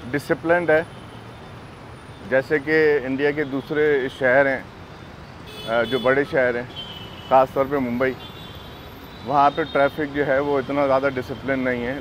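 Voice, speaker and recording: A middle-aged man from Pakistan narrating a casual walking travel vlog outdoors on a lapel mic, unhurried and chatty with many fillers. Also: mid-range voice, steady tone, rough recording. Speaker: travel vlogger. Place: busy city street outdoors. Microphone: clip-on lapel mic. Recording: outdoor street noise. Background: street traffic.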